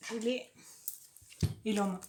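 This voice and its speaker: A woman reads oracle cards aloud in a soft, casual voice and stops for chatty asides to her viewers. She speaks slowly and without hurry. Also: mid-range voice, fairly even intonation, noisy background. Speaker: oracle card reader. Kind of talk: casual oracle card reading.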